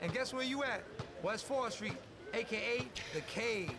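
A man's voice: very high voice, normal speed, over music. A man voicing a cocky street basketball announcer with trash-talking, slangy hype commentary. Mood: hyped.

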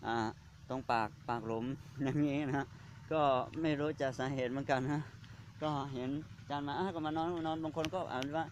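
A Buddhist monk with a fairly high male voice gives casual on-site video commentary outdoors beside a pond or pit. He speaks haltingly, searching for words and adding polite particles after almost every phrase, with slight background noise.

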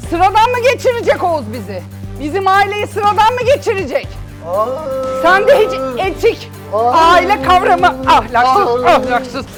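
A woman's voice: high voice, very animated, unhurried, music in the background. A woman playing a furious, scandalized middle-aged mother who screams melodramatic accusations. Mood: outraged.

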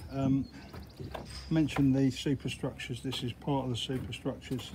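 A man's voice: mid-range voice, little pitch movement, normal speed. A middle-aged man, a construction site manager, giving a practical guided walk-through of a building site, recorded on a handheld phone camera outdoors. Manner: practical, explanatory, often says "obviously". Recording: loud outdoor site noise. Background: outdoor noise and vehicles.

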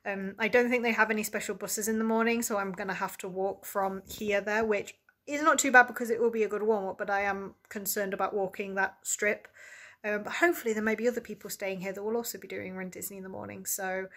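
A young woman talks to a close camera from a hotel bed in a small room. She rambles in a loose, chatty way, stopping to restart her sentences and filling pauses as she goes. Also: mid-range voice, steady tone, a bit bright. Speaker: vlogger. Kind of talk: casual vlog chat to camera. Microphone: camera close in front of her.

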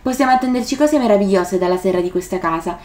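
A woman's voice: mid-range voice, fast, darkish tone, lightly acted. A woman voicing a devilish male rogue who speaks in a flowery, courtly way, in a roomy room. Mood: mock-courtly. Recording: roomy echo.

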